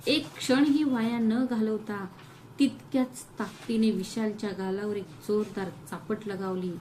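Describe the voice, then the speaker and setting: A woman's voice: mid-range voice, mellow, a little hiss or hum, low-quality recording. A woman telling a family story in the first person, earnest and dramatic.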